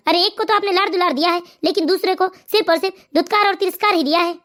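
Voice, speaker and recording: An earnest grown son, voiced by a performer in an animated family story. He speaks quickly in a very high voice, with pleading and pressing questions. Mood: firm. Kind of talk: animated cartoon voice acting.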